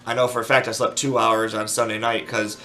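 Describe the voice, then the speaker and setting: Bright-voiced man rambling in a casual vlog. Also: on the low side, level tone, a little fast, soft background music. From Arizona, US. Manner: rambling, with many fillers and restarts. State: sleep deprived. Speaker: gaming video creator.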